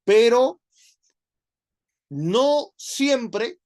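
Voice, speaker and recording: A man's voice: very high-pitched, drawn-out words. A man preaching a sermon, acting out little scenes as he teaches. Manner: animated, acts out little scenes.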